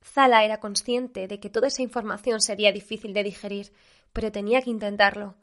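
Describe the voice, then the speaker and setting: A woman narrating a story in a measured reading voice. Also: medium pitch, steady tone, a bit bright.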